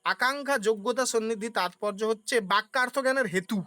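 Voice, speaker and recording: A woman's voice: a little high, a little fast, pushed and bright, no echo. A woman teaching a philosophy exam-prep class. She poses questions, answers them herself, and uses everyday examples.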